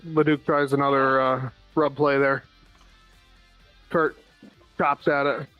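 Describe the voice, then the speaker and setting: A man's voice: medium pitch, level tone, lo-fi sound, soft background music. An American man calling a floor hockey game play by play, running through passes and shots with dry asides. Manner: rapid running call of plays with dry asides. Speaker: play-by-play commentator. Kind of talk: amateur live sports commentary.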